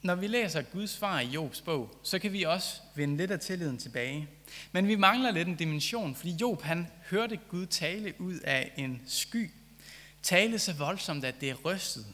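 A man's voice: sits high, lively intonation, bright, forceful tone. A man preaching a sermon, reading scripture and then reflecting on it earnestly, with rising emphasis on key phrases. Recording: long hall reverb.

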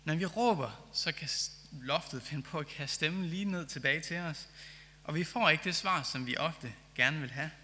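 A man's voice: a little high, bright, forceful tone, a little hiss or hum. Earnest preaching man in a reverberant hall. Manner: earnest, reads scripture then reflects with rising emphasis. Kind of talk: sermon.

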